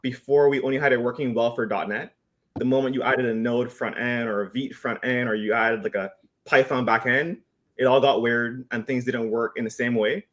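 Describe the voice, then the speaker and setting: A man on a software team chatting loosely and joking on a live video call Q&A. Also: medium pitch, fairly even intonation, normal speed. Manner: loose, joking, many restarts. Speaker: engineering team member. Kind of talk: casual live Q&A chat.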